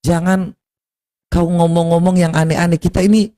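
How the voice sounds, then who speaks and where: A man with a notably high voice delivers a heated social media rant. He scolds and taunts, firing off rhetorical questions and letting out mocking laughs as he goes. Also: level tone, normal speed, dark tone. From Kupang, East Nusa Tenggara, Indonesia. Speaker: online religious commentator.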